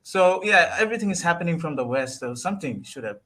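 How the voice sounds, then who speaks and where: A man from Bangladesh, speaking as an interview guest, earnest and often pausing to search for words. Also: a little high, lively intonation, pushed and bright. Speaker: guest, religious scholar. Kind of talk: live online interview.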